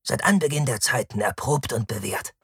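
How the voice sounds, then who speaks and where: A man voicing a careful, pedantic young male tactician who speaks in a measured, precise way, in an audiobook. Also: medium pitch, expressive, a bit bright, husky, dry recording, clean studio sound, pitched above the performer's own voice. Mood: calm.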